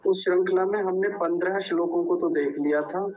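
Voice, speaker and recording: Guy teaching pronunciation, kinda high voice, slow and patient, dull lo-fi audio. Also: fairly even intonation, darkish tone. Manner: patient, repeats each word slowly. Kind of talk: recitation lesson.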